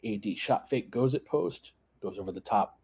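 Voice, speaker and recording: A lowish-voiced man with vocal fry, a breathy edge and a slightly mellow tone provides animated play-by-play of a basketball game at moderate pace. Hosting a fan livestream, he chats with listeners casually in short, clipped bursts.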